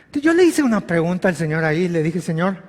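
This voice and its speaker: A male pastor preaching a sermon, dropping to a hush and then rising to shouts. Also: high voice, very animated, quick pace, in a large hall. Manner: swings from hushed to shouting. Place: church hall.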